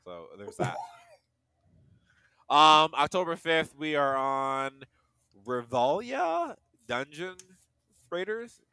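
A man hosting a casual podcast in a bright, lively voice. He laughs easily and stumbles over words as he reads. The recording is close and dry. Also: on the high side, slow, gravelly, pauses often, clear, resonant tone, no echo. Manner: laughing, stumbling over words while reading game listings. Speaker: podcast co-host.

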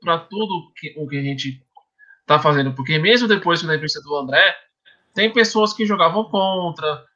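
A man's voice: on the high side, normal speed, sharp tone, highs cut off. A man who makes documentaries, earnestly explaining the project in detail during casual talk. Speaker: documentary filmmaker.

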